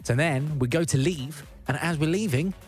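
A man's voice: a little high, normal speed, soft background music. A man hosting a radio show, telling a story animatedly and often repeating words. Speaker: radio host. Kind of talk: casual radio chat.

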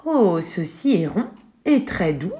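Woman reading gentle patient stranger, mellow, storybook. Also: fairly low pitch, big pitch swings, slow, a little hiss or hum. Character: kindly grown man, a patient stranger.

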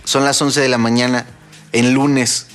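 Man, Mexican Spanish accent, podcast host, casual slangy chat, mid pitch. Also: flat delivery, a bit bright, faint music behind. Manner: chatty, slangy, quick asides.

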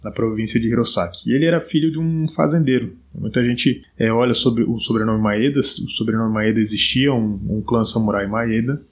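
A Brazilian man hosts a solo podcast, talking through history in a loose, explanatory way. His voice sits at an ordinary middle pitch. It has a soft, breathy edge. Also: brisk, few pauses. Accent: Brazilian Portuguese. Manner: relaxed, explanatory, many fillers like "né" and "aí". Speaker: podcast host. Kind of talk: solo podcast talk on martial arts history.

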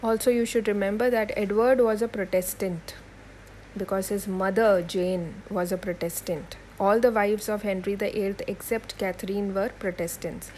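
A woman's voice: mid-range voice, fairly even intonation, moderate pace, darkish tone, a little hiss or hum, poor audio. A woman teaching a history lesson for exam students. She repeats key points, spells names letter by letter and asks questions that she answers herself.

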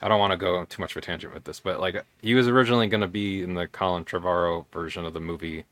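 A man with a very low voice hosts a casual podcast recap, hesitating and wandering off on tangents. The sound is dry and close. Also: fairly even intonation, rapid-fire, fairly bright tone, no room sound. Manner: rambling, tangent-prone, hesitant. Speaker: podcast host.

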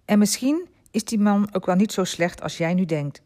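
A woman reading aloud gives voice to an older male traveling showman, firm but gentle in how he talks to the boy. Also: mid-range voice, expressive, normal speed, natural voice. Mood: gently persuasive. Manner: firm, then gently persuasive.

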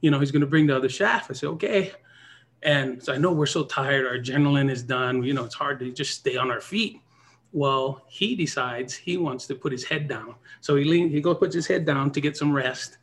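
A man telling pool gambling stories in a casual chat, full of "you know" fillers and acted-out lines from other people. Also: moderate pace. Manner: animated, acts out other people's lines in a high voice. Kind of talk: casual storytelling.

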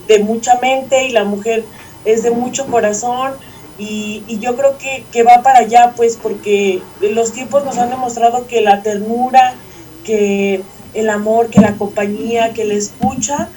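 A woman speaks in a reflective, halting way. Her voice is mellow and a little high. She sounds distant from the mic, with faint noise behind. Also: steady tone. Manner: reflective, halting with many restarts. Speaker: guest. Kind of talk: casual chat.

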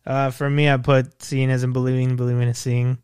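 A man's voice: mid-range voice, little pitch movement, a little fast, darkish tone, smooth, dry recording, studio quality. A young man co-hosting a podcast, chatting loosely about a movie, laughing often and swearing. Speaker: podcast co-host. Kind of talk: casual chat about a movie.

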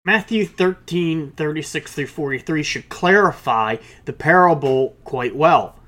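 Slow-preaching male pastor. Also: on the high side, bright, forceful tone. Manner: slow, deliberate preaching with casual asides. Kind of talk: sermon with scripture reading.

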